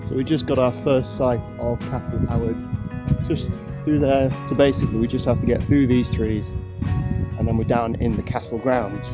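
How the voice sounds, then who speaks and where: A man's voice: mid-range voice, fairly even intonation, moderate pace, loud music behind the voice. A man in his thirties with a congested, bunged-up voice, chatting casually and self-deprecatingly to an action camera while out on a countryside walk. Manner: self-deprecating, rambling with restarts. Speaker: walking vlogger.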